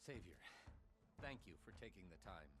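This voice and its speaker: An exasperated official, earnest and fed up. His voice is fairly low, with lively swings in pitch. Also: normal speed. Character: harried male official.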